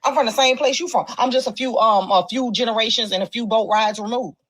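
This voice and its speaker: A woman telling a comic story in a rapid, high-energy delivery, from a played clip. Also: a bit bright. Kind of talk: stand-up style storytelling clip.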